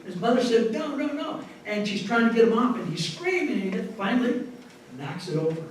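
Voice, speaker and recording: High-voiced pastor preaching in an echoey church. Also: male voice, fairly quick, a little hiss or hum. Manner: animated storytelling with sudden loud bursts. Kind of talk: sermon. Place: church sanctuary. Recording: echoey sanctuary from far off.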